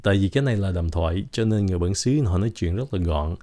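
A man with a Vietnamese accent teaching English pronunciation on a podcast, repeating words slowly and explaining them. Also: sits low, dark tone.

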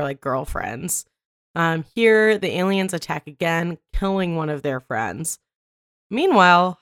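A woman's voice: deep voice, no room sound, studio quality. A woman co-hosting a podcast, chatting casually and laughing often, then recapping a movie plot. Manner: laughs often, relaxed, uses filler like. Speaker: podcast co-host.

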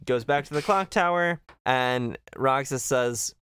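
A man's voice: mid-range voice, unhurried, fairly bright tone, slight background noise. A man co-hosting a podcast, chatting casually through a story recap and acting out the quoted lines as he goes. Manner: acts out quoted lines while retelling. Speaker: podcast host. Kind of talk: casual recap chat, reading out dialogue.

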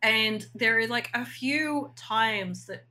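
A woman's voice: fairly high pitch, slow, pushed and bright, a little hiss or hum. A woman co-hosting a casual podcast chat, frank and full of fillers. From Australia. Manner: chatty, filler-heavy, frank. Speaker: podcast co-host.

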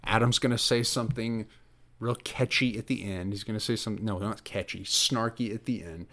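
A man's voice: lowish voice, fairly even intonation, brisk, pushed and bright. A man, hosting a casual podcast, teasing and exclaiming often. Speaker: podcast host.

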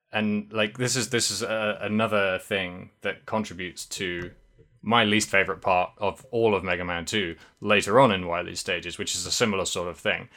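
With a lowish voice and a sharp tone, a young man co-hosts a laid-back podcast discussion of a video game. He rambles along, fixing his own words and letting a swear slip every so often.

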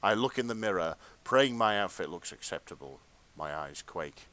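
A podcast host with a low-pitched, expressive voice reads fan fiction aloud on a comedy podcast at normal speed. He reads with mock seriousness and keeps breaking into laughter. The tone is fairly bright and the recording is rough.

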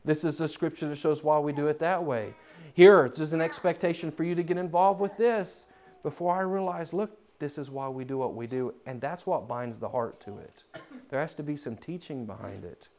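A man preaching a sermon in a church, swinging from loud, climbing emphasis to quiet, low asides. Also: normal speed.

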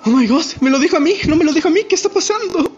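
A man putting on the voice of a flustered, lovestruck teenage girl, squealing in a high pitch. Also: lively intonation, rapid-fire. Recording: slightly dull podcast audio with faint music.

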